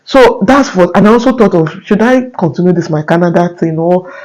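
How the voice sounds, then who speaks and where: A young man with a Nigerian accent speaks to camera in a fairly high voice. He talks earnestly and casually, tagging his points with "right?" and restarting his phrases as he goes. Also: lively intonation, a little fast, darkish tone, poor audio. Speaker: vlogger.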